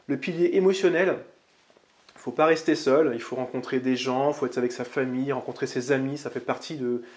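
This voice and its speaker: A man's voice: mid-range voice, a little mellow. A man hosting a casual vlog, recommending books in a chatty, upbeat way and talking straight to the viewer. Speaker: channel host reviewing books. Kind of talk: casual vlog talk to camera.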